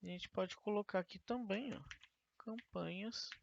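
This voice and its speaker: A woman's voice: mid-range voice, unhurried, gravelly. A woman teacher talks through a coding tutorial step by step and asks and answers her own questions. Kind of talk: screen-recorded coding tutorial. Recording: dull, lo-fi dry screen recording.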